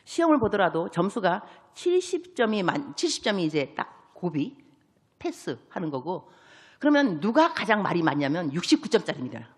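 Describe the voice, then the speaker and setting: A woman preacher delivers a sermon in a big church sanctuary, her pitch leaping up and down as she tells Bible stories. She acts out what each person says and slips in English words. Her voice rings with a long reverb from the hall. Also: normal speed, breathy edge. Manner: lively storytelling, acting out biblical dialogue; sprinkles English words into speech. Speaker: missionary preacher. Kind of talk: evangelistic sermon.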